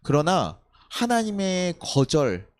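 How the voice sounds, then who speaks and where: A young pastor with a high, light voice gives a conversational sermon. He keeps putting rhetorical questions to the congregation, and now and then he acts out scolding a child in loud outbursts. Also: wildly swooping pitch, takes it slowly.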